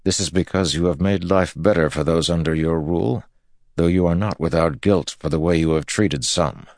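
A man's voice: low-pitched, fairly even intonation, moderate pace, no echo, clean studio sound, voice pushed up. A man voicing a commanding hero of ancient claim in an audiobook, solemn and declaiming.

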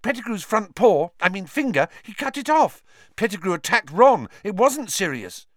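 A man's voice: high voice, big pitch swings, measured pace, bright, forceful tone, dry recording, studio quality, voice pushed up, full character voice. A man voicing an eager, clever teenage girl in an audiobook reading, earnest and urgent. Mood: pleading.

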